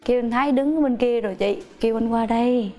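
A young woman guest telling a lively birthing story in casual chat, laughing often and acting out quotes. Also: on the high side, fast.

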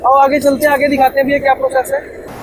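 A man's voice: very high voice, completely flat delivery, a faint crowd, slight background noise, rough recording. A man hosting a market vlog, eagerly questioning a factory worker on a casual tour of a pillow factory floor. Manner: quick, eager questioning with many "hmm" and "okay ji" fillers. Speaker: market vlogger.

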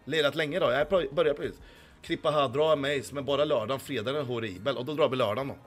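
Hoarse male streamer, crude boastful banter, faint music under him. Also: medium pitch. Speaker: livestreamer. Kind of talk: casual livestream chat, reading chat.

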